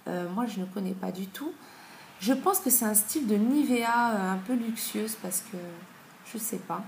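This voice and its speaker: At a normal pace, a woman in her thirties reviews beauty products in a casual, chatty vlog with plenty of fillers. Her voice has a medium pitch and vocal fry, and the echoey room carries faint noise.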